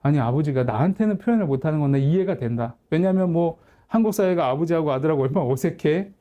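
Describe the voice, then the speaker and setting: A man's voice: a little high, lively intonation, quick pace, warm tone. A man in his forties, a pastor and counselor, telling a personal family story in a candid, conversational sermon.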